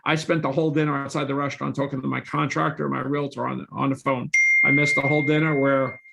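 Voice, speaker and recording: Gravelly earnest man telling his story. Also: medium pitch, flat delivery, fast, heavy background noise. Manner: earnest, frequent restarts and self-corrections. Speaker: guest, real estate investor. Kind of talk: candid conversational storytelling.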